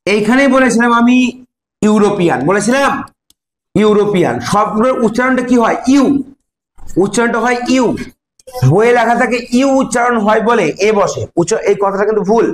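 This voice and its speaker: An English teacher with a Bengali accent leads a grammar class, explaining each step and stopping to quiz his students. His voice is high for a man, and the classroom has a clear echo.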